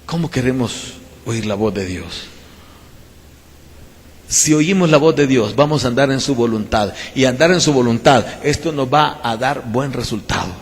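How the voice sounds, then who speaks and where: A male pastor preaching a sermon at a church service, emphatic, swinging between loud exclamations and quiet asides. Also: mid-range voice, moderate pace. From Mexico. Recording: long hall reverb.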